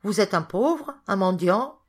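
A woman's voice: medium pitch, lively intonation, breathy edge, pitched above the performer's own voice. A woman reading as a blunt young intern. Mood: probing. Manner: brisk questioning. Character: curious young male hospital intern, blunt.

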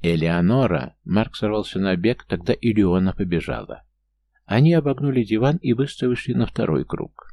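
A man narrating an audiobook in a steady storytelling manner. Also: fairly low pitch, normal speed.

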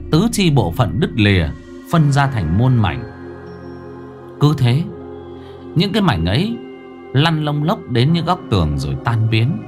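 A man narrating a ghost story in a dramatic, expressive way. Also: mid-range voice.

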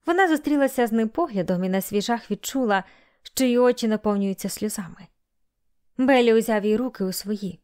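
A woman's voice: on the high side, a little fast, darkish tone, clear, resonant tone. Woman narrating an audiobook. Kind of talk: scripted narration.

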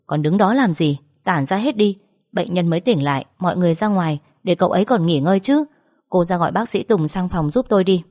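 A woman reading the lines of a stern male head doctor giving brisk orders. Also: lowish voice, lively intonation, darkish tone, no echo, studio quality. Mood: commanding.

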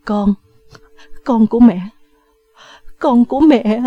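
A woman voicing a gentle, worried middle-aged mother who soothes her child softly in an audiobook. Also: on the high side, slow, dry recording, lo-fi sound, faint music behind. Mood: soothing. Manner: soft, soothing. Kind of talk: audiobook character voice.

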